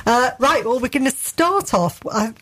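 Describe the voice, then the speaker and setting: A woman's voice: sits high, lively intonation, measured pace, fairly bright tone. Chatty English woman radio co-host. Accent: English, Derbyshire. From England. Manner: chatty, enthusiastic, many fillers and restarts. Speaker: radio gardening show co-host. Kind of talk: casual radio chat.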